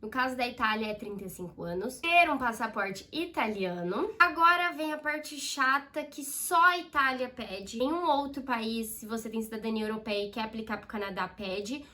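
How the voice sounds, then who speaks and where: A woman's voice: on the high side, expressive, normal speed, few pauses, pushed and bright. A young Brazilian woman with a Brazilian Portuguese accent, chatting directly to her viewers and explaining things in a friendly, casual vlog. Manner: chatty, addresses viewers as "gente". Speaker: vlogger.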